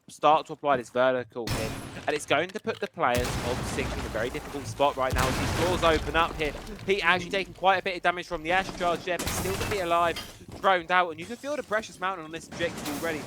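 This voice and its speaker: A man calls an esports match play-by-play, his voice sitting high and lively. He exclaims at the big plays. Game gunfire and noise run loudly underneath. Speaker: esports caster. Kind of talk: play-by-play commentary. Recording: noisy game stream with gunfire.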